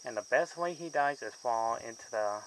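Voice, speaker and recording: A man's voice: medium pitch, lively intonation, moderate pace, noisy background. A man giving a casual, rambling film review vlog, with loosely strung sentences that often trail off mid-thought. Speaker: movie reviewer.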